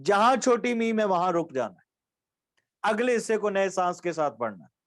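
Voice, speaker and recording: A man's voice: sits high, very animated, a bit bright. A man from Pakistan giving an online lecture as a Quran recitation teacher, explaining rules patiently and repeating key points and examples.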